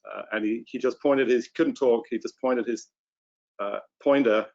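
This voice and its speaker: A man with a British accent, a scientist guest, answering questions in a relaxed, anecdotal way. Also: mid-range voice, moderate pace, gravelly, highs cut off. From England. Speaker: stem cell scientist guest. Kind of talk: conversational interview answer.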